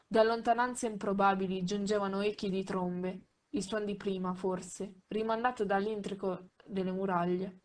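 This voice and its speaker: Una donna che legge un romanzo ad alta voce con tono misurato, correggendo ogni tanto qualche piccolo inciampo. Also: female voice, medium pitch, fairly even intonation, a little mellow. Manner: measured, with small slips and self-corrections. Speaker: audiobook reader. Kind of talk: reading a novel aloud.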